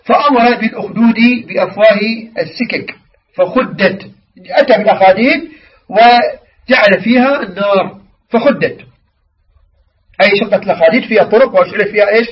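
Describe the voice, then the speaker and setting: A man's voice: sits high, brisk, pauses often. A man teaching a religious lesson, explaining word meanings and asking his class questions. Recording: distant, dull lo-fi recording.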